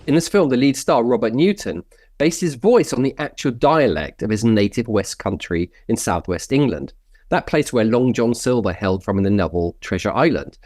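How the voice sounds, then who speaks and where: A man co-hosting a history show, speaking in an animated, jokey, theatrical way. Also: medium pitch, no echo, studio quality. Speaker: co-host.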